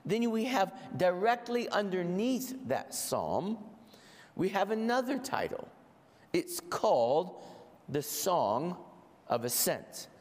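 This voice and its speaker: In an echoey, reverberant hall, a man addresses his congregation with a sermon, his gravelly voice sitting high and swinging widely in pitch. He has a head cold and speaks with careful deliberation, leaning on repeated phrases.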